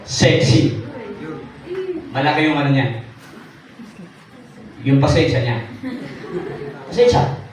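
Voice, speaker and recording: A man's voice: fairly high pitch, slow pace, long pauses, a little mellow, a little hiss or hum. A young man telling a comic story about himself to a live audience, teasing the crowd with questions. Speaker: speaker sharing his testimony. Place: event hall. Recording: echoey hall, mic from a distance.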